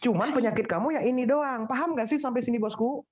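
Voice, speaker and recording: Woman teacher, lively drilling of words, teasing tone, dull lo-fi sound. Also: on the high side, fast. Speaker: English pronunciation teacher. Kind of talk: classroom pronunciation lesson.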